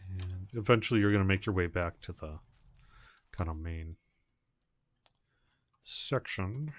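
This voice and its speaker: Low-voiced man chatting on a game stream. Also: unhurried. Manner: easygoing, thinks aloud. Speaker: livestream host playing a game. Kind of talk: casual gameplay chat, answering viewers.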